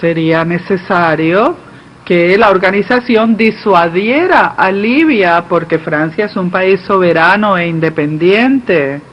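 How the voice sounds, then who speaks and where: A man giving live simultaneous interpretation of a political speech, delivered haltingly, phrase by phrase. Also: sits high. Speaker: conference interpreter. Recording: dull lo-fi feed, faint background noise.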